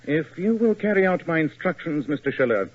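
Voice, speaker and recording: Brief: Sherlock Holmes, measured and authoritative, lively husky delivery, lo-fi old radio. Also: male voice, fairly high pitch. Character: Sherlock Holmes, cool, precise detective. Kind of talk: 1940s radio acting. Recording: lo-fi 1940s radio broadcast.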